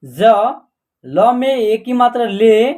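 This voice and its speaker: Sounding out each letter and word slowly, with plenty of patient repetition, a man teaches Hindi online. He speaks in a very high-pitched, animated voice with a darkish tone.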